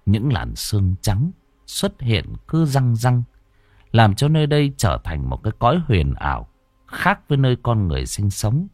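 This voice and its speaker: A male storyteller narrates a ghost story in a low voice with lively, swinging pitch. His dramatic delivery is close-miked and dry. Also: normal speed, dry recording.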